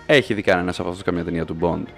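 A man's voice: sits low, creaky, soft background music. A man co-hosting a casual satirical podcast chat in a studio, talking in a teasing, sarcastic way. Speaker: podcast co-host.

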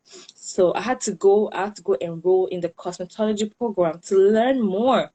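A woman's voice: mid-range voice, normal speed, warm tone, slight background noise, poor audio. A woman from Cameroon with a Cameroonian accent, talking casually as an interview guest and often repeating and rephrasing as she goes. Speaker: interview guest, hairstylist and entrepreneur.

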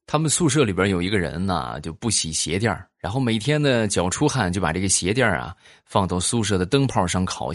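A man's voice: on the low side, no room sound, studio quality. A man hosting a podcast, telling funny stories and reading listener comments while teasing his audience. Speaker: podcast host.

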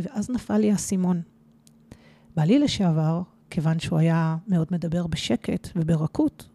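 A woman, a podcast guest, telling a personal story with animated emphasis. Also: mid-range voice, no room sound.

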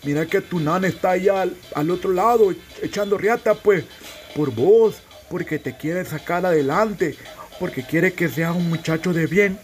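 A man playing an old grandfather with a Salvadoran accent, gruffly teasing his grandson and calling him a fool with affection. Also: sits high, moderate pace, faint music behind, natural voice. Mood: gruff tender.

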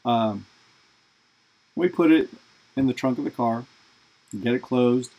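A man's voice: mid-range voice, slow pace, dark tone, poor audio. A man hosting a podcast, telling a funny personal story in a casual, rambling way. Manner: casual, rambling, lots of fillers. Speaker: podcast host. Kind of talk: storytelling monologue.

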